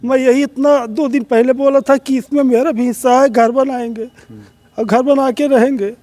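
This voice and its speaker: A man's voice: extremely high pitch, steady tone, normal speed, darkish tone, no echo. A middle-aged man tells a reporter about his case, tearful and pleading. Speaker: complainant.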